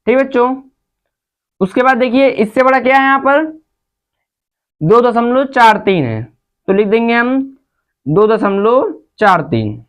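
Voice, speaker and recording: A woman's voice: on the high side, expressive, unhurried, long pauses. Patient woman teaching children maths. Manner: patient, repeatedly addresses the children. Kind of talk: step-by-step maths lesson for children.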